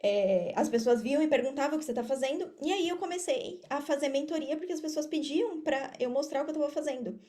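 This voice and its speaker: Talking fast with hardly any pauses, a woman with a high, mellow voice and a Brazilian Portuguese accent explains things directly to listeners. She is a podcast guest, an affiliate marketer and mentor, in a casual interview.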